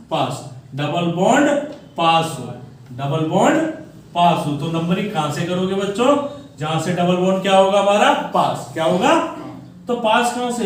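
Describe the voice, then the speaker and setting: A chemistry teacher with a high voice lectures at the board, captured from a distance in an echoey room with some background noise. He runs call-and-response questioning, repeating the key words so students can fill them in.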